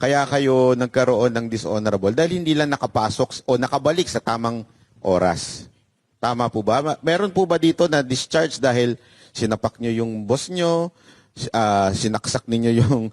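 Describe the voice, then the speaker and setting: A man hosts the interview at a middle pitch. He recaps his guests' answers and pushes them with pointed questions. The sound is dry and close. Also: moderate pace, no room sound. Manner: lively, leading questions, chuckles.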